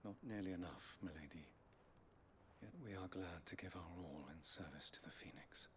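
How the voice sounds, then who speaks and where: A man playing a calm, creepy, solemnly devoted cultist knight in a video game, speaking formally with hushed phrase endings. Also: deep voice, normal speed, a little hiss or hum. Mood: solemn, reverent.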